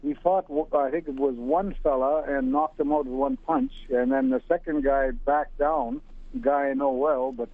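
Older caller heard over a tinny, dry phone line; rambling, halting delivery. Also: male voice, on the high side, expressive, gravelly, dry recording. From Alberta, Canada. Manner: rambling, halting with many uhs. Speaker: radio caller. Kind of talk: casual phone-in chat.

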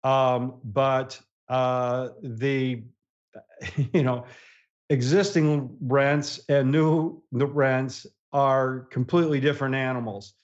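Male econ guest on a podcast, slow and hesitant, full of fillers and restarts, muffled remote audio. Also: medium pitch. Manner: halting, many fillers and restarts. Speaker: economic analyst guest. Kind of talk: podcast interview answers.

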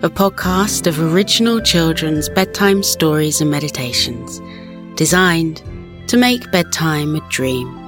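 A woman narrating a children's sleep story in a gentle, soothing, unhurried way, as the host of a scripted bedtime podcast. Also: low voice, lively intonation, over music. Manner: soothing, gentle, unhurried guided-relaxation delivery.

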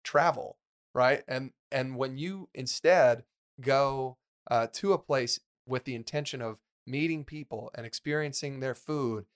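A man co-hosting a podcast, chatting casually and rambling, with many fillers and restarts. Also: mid-range voice. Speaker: podcast co-host.

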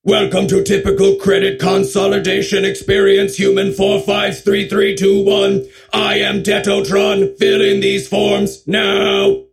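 A man voicing a robotic, menacing loan-form bureaucrat machine in a comedy ad skit, speaking in a stilted monotone. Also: high voice, a little slow, creaky, few pauses, loud music behind the voice, heavily acted.

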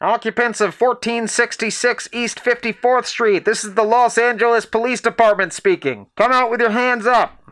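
A man voicing a police officer giving loud, commanding orders through a megaphone. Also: very high-pitched, normal speed, pitched above the performer's own voice.

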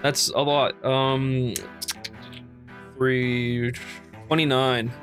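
Low-key man at a tabletop game. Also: level tone, extremely slow, a bit bright, soft background music.

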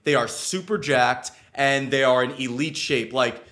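A man's voice: medium pitch, a little slow, a bit bright. A man speaking as an advisor, explaining things casually and emphatically. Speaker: financial advisor guest.

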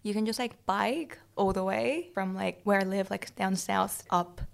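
A woman's voice: mid-range voice, unhurried, creaky. A young woman from Korea with a Korean accent, chatting casually in an interview and filling her talk with "like". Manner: chatty, many filler "like"s, laughs easily. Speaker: interviewee, cabinet-making apprentice.

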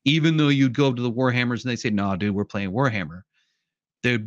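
Man, talky podcast guest, animated storyteller, muffled dry audio. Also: mid-range voice, a little fast, no echo. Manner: animated storyteller who acts out quotes. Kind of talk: casual conversation.

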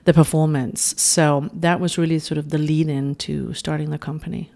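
A woman's voice: low-pitched, flat delivery, moderate pace, creaky, warm tone. A woman in her forties from Denmark, talking as a guest in an interview, reflective and full of "you know" and "uh" fillers. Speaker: guest, beauty brand founder. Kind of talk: conversational interview.

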